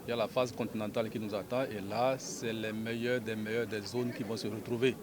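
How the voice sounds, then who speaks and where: A man's voice: fairly low pitch, level tone, a little fast. A man answers press questions outdoors at an airport arrival, in an earnest, emphatic way. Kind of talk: press interview. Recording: outdoor interview with crowd noise.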